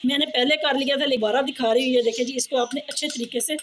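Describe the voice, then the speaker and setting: A woman's voice: high-pitched, steady tone, fast, slight background noise. A woman with a Pakistani Urdu accent giving a casual kitchen how-to demonstration. She has a sore throat and a cough, and she talks in a chatty, repetitive way, often addressing viewers as ji. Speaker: home cooking and tips vlogger.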